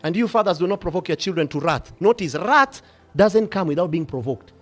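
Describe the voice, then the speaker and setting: A middle-aged bishop with a Kenyan accent, preaching passionately, swinging from hushed asides to loud rebukes. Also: male voice, high-pitched, animated, fairly quick, faint music behind. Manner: passionate, switching between whispers and shouting. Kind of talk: fiery sermon.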